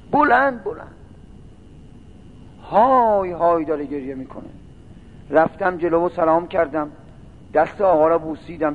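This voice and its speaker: A man preaching a sermon, telling a long religious story and building into mournful chanting. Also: fairly high pitch. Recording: tinny phone-like sound with faint noise.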